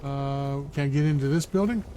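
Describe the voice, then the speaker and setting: A man's voice: mid-range voice, fairly quick, warm tone, a little hiss or hum. A man streaming a video game, chatting casually and making wry remarks as he explores. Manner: chatty, wry, thinks aloud. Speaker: gaming streamer. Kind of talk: casual let's-play commentary.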